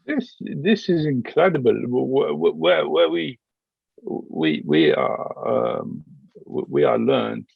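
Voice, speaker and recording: A man playing a weary, hesitant soldier in improvised tabletop role-play, halting as he gropes for words in a gravelly, husky voice. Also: medium pitch, big pitch swings, dry recording, heavily acted. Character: weary, hesitant, disillusioned male Bretonnian soldier. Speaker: game master. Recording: dull, lo-fi close audio.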